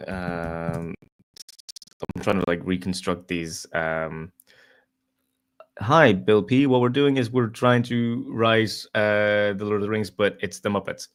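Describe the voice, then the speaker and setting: A man, maybe, chatting loosely on a livestream, halting with many fillers and often laughing. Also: fairly low pitch, fairly even intonation, clear, resonant tone. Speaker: co-host of a writing livestream. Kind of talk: casual livestream chat.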